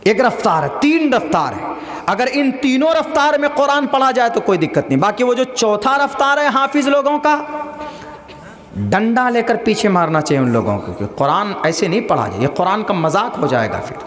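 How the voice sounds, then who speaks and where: High-voiced preacher man in an echoey hall. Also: sing-song, a bit bright. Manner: demonstrates recitation in chanted Arabic, then scolds in plain speech. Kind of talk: sermon teaching Quran recitation.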